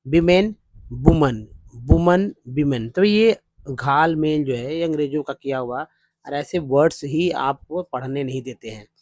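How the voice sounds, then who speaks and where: A man teaching spoken English, reading text slowly word by word and explaining how each word is pronounced. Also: a little high, darkish tone, no echo.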